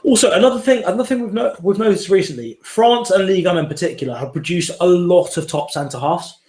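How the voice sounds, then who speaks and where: A man's voice: high-pitched, fast, a little mellow, roomy sound, low-quality recording. A young man hosting a football watchalong stream, chatting and thinking aloud. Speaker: stream host. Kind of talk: casual football chat.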